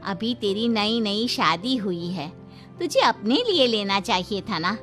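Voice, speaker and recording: A woman's voice: mid-range voice, very animated, unhurried, a bit bright, faint music behind. A woman voicing an indulgent older mother-in-law who speaks in a motherly, coaxing way in a cartoon story.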